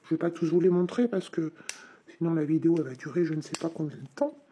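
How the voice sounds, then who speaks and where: A hobby vlogger with a slight head cold chats informally, straight to her viewers, as she unboxes and tries out her supplies. Her voice is deep, mellow and expressive, she talks fast, and there's a little hiss or hum.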